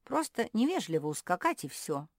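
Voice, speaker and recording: A woman's voice: lowish voice, sing-song, moderate pace, no room sound, studio quality, voice pushed up. A woman voicing an eager, easily offended young female cat in a children's audiobook.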